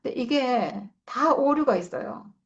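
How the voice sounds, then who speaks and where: A woman pastor explaining scripture in a sermon, retelling the story in plain, steady words. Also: high-pitched, measured pace. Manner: plain explanatory retelling, acting out quoted lines. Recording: dull lo-fi sound.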